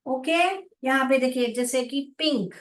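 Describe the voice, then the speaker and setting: A woman teaching an online phonics class, repeating sounds slowly and coaxing her students. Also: sits high, far from the mic. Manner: slow, repetitive, coaxing, calls students beta. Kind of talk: live class explanation to students. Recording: echoey room, voice off-mic.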